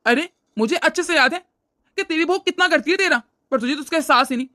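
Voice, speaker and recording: A woman's voice: sits high, fast talker, pushed and bright, dry recording, clean studio sound. A woman voicing a stern older father in a cartoon, lecturing his wife and daughter reproachfully. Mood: scolding. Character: stern scolding older father-in-law, man. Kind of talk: cartoon voice acting.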